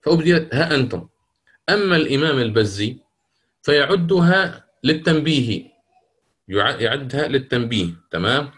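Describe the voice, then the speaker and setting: A man leads a recitation lesson at a measured teaching pace. He explains each rule carefully, often checks in with his students, and stops to correct himself when he misspeaks. His voice sits in a middle pitch. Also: expressive, a bit bright, slightly rough.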